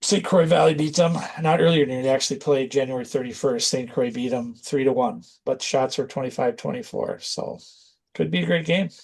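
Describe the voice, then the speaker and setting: A man's voice: mid-range voice, a little fast, vocal fry, slightly rough. A man giving a casual, analytical sports preview in a conversational way. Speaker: sports commentator.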